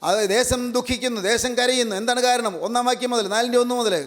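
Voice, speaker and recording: An older man preaching a sermon, emphatic and repetitive, slowing down to stress key words. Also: very high-pitched, steady tone, fairly bright tone. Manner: emphatic, repeats each verse phrase, slows on key words. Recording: long hall reverb.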